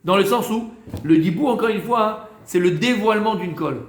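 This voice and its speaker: High-voiced rabbi teaching in an echoey room. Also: male voice, moderate pace. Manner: repeats phrases, mixes Hebrew terms, asks listeners questions. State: tired. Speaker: rabbi teaching a Torah class. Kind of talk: informal Torah lesson with questions from students.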